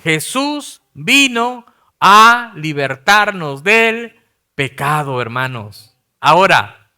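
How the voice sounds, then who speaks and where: Brief: a male pastor preaching in a church, bright and crisp-voiced, addressing the congregation as brothers. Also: on the high side, sing-song, very slow. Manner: addresses the congregation as brothers, asks rhetorical questions. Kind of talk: sermon.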